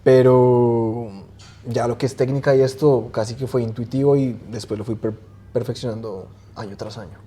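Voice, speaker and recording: Guy, 20s, mellow tone, easygoing interview guest with lots of "em"s. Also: medium pitch, normal speed. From Colombia. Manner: relaxed, hesitant, many fillers and restarts. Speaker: guest swimmer. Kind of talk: casual interview chat.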